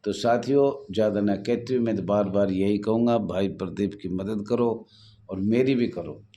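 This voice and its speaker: A man's voice: fairly low pitch, moderate pace, dark tone, a little hiss or hum. Earnest man pleading with supporters. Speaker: home guard association leader. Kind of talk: addressing supporters in a live online talk. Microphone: phone.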